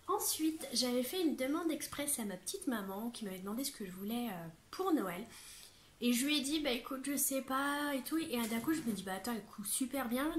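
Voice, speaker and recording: A woman's voice: a little high, a little hiss or hum. A young woman chatting casually to her viewers in a bubbly, chatty way, with lots of fillers and laughs. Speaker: vlogger. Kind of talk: casual chat. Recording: echoey room.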